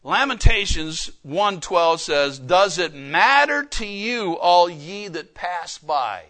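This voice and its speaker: Taking his time, a probably middle-aged preacher and missionary speaks in a high, sharp-toned voice with lively intonation. His sermon is folksy and emphatic, built on personal stories and rhetorical questions.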